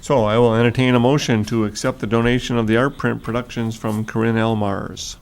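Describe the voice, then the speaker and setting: A man chairing a public board meeting who reads agenda items aloud in a formal, halting way with frequent fillers. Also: medium pitch, little pitch movement, a little hiss or hum. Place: meeting room.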